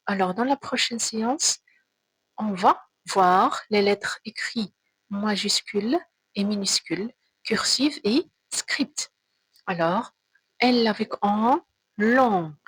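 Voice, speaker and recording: A woman teacher giving a slow, careful reading lesson to children, spelling out sounds and repeating words. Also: mid-range voice, husky, no room sound, low-quality recording.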